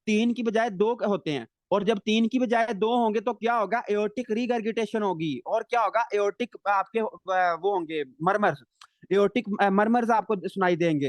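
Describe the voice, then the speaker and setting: A high-pitched man teaches a live online medical class. He fires questions at his students and answers them himself, drawing out the key terms slowly. The sound is dry and close, with no room echo. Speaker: medical lecturer.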